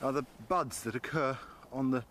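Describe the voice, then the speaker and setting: A mid-range voice belongs to a middle-aged Englishman presenting wilderness skills outdoors in a snowy forest, measured, calm and friendly, plainly keen on nature. It is documentary narration and explanation recorded on a clip-on mic, with a faint layer of ambient noise.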